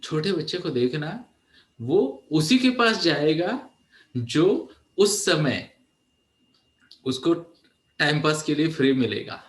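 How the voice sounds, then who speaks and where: A man counselling an audience in a motivational talk, conversational and animated, often checking in with his listeners. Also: on the high side, slow, pauses often, reverberant. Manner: conversational, animated, asks "है ना?" often, mixes in English.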